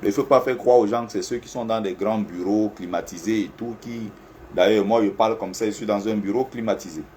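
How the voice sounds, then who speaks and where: A man's voice: lowish voice, fairly quick, slight background noise. Man talking animatedly about security work. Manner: animated, repetitive, addresses viewers directly. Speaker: security agent. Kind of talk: casual talk to camera. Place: air-conditioned office.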